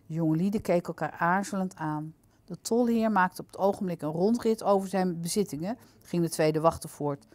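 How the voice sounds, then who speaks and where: A woman reading aloud from a children's book in a calm, clear, steady manner. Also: lowish voice, normal speed, dry recording. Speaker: storyteller.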